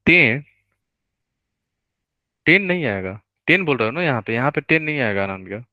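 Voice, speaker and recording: Male teacher, live online lecture, crisp voice, dry close mic, dictates formulas slowly. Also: medium pitch, very animated, sharp tone, no echo, dull audio. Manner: explains step by step, keeps asking students to confirm. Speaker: chemistry teacher.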